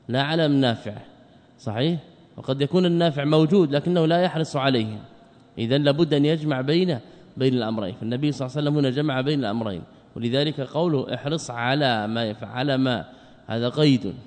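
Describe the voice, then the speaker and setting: A man in the middle of a pitch range teaches a religious text phrase by phrase. He repeats words and asks rhetorical questions. The room adds a long, trailing reverb. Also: a little mellow. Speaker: Islamic scholar teaching a text. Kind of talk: classroom commentary lesson. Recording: long reverb of a lecture hall.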